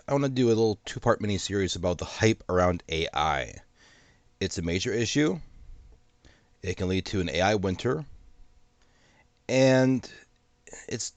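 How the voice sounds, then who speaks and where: A man with a deep, low voice talks through his points with a steady, cautionary manner and the odd wry aside. His voice sounds congested from a sinus infection. The sound is dry and close, with no room around it. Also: dry recording. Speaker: host of an AI commentary channel. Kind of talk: solo commentary to camera.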